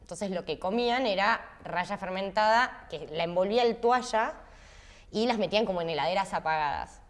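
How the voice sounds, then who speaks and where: A woman's voice: medium pitch, moderate pace. An Argentine woman chef in an interview, telling stories with animation and acting out her own past thoughts in quotes. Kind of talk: interview storytelling.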